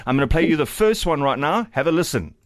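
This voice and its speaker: Animated South African male radio host. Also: on the high side, quick pace, over loud music. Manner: jokey, chatty. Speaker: radio breakfast show host. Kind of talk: casual live radio game show hosting.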